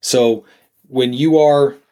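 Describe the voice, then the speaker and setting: A man's voice: medium pitch, steady tone, slow, mellow. A man, a nutrition coach guest on a podcast, talking casually and rambling with lots of fillers and restarts.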